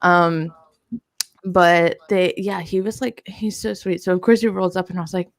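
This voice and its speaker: A woman's voice: fairly low pitch, steady tone, normal speed. A woman co-hosting a live podcast, telling rambling stories in casual chat and laughing often. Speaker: podcast co-host.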